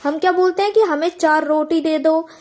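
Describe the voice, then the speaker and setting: A woman's voice: very high voice, steady tone, darkish tone. A woman teaching an English grammar lesson. She asks the listener questions and answers them herself, and she repeats key words. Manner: slows down and stretches out example phrases.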